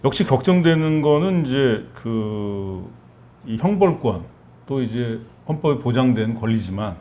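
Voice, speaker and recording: A man's voice: mid-range voice, expressive, unhurried, warm tone. A middle-aged man hosting a talk program, summing up the guest's points in a reflective, chatty way. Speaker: program host. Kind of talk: conversational talk-show hosting.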